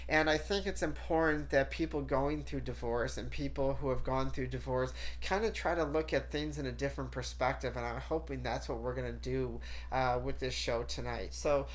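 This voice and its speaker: A woman hosts a casual talk show, chatting away with lots of fillers and frequent laughter. Her voice is extremely low and steady, moving at a moderate pace with few pauses. A cold leaves her sounding stuffy and nasal.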